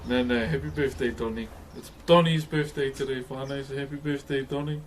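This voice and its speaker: Greeting his livestream viewers, a man with a broad New Zealand accent chats in an easygoing, friendly, slang-filled way over noticeable background noise. His voice is mid-range and steady, a little fast.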